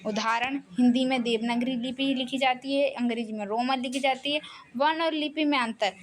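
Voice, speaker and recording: A woman with a slightly high voice gives an exam revision lesson, checking in with listeners again and again. She slows right down to sound out each letter clearly. A faint background noise sits under the recording. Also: steady tone. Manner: repeats key terms, says "theek hai" often. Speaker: teacher.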